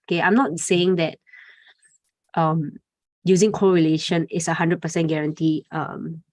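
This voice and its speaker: A woman's voice: low-pitched, steady tone, normal speed, darkish tone, dry recording. A young adult woman presenting a live trading webinar, chatty and informal, tagging lines with "okay" and "right?". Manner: conversational, frequent "okay" and "right?" tags, fillers. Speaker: trading instructor.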